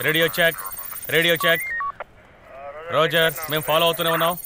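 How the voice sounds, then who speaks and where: Cop on the police radio, clipped crisp call-outs, raised pitch, hissy noisy line. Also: male voice, monotone, a little slow. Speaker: police officer calling in over the radio.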